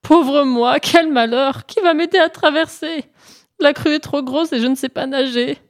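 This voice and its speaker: A woman's voice: fairly high pitch, lively intonation, moderate pace, dark tone, lightly acted. A woman voicing a cunning, boastful male hare from a storybook who whines and gives orders. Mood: wailing. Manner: lamenting, then bossy and sly.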